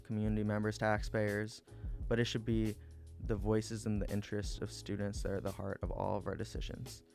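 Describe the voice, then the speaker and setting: Earnest young man, lowish voice. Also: monotone, vocal fry, darkish tone, faint music behind. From Atlanta, Georgia. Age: 20s. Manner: earnest, measured, policy-minded. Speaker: school board candidate. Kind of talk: interview guest answering questions.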